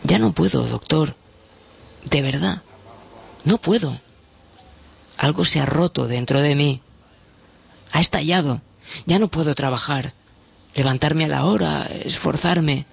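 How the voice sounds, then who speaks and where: A man reading a story aloud and voicing a soft-spoken man in bed who answers the doctor calmly. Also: a little high, gravelly, slightly rough, exaggerated voice. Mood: weary. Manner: soft, slow and calm.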